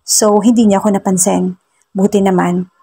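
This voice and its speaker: A woman's voice: medium pitch, level tone, normal speed, warm tone, husky. A woman narrating a first-person romance story, reading it plainly and mixing in English lines.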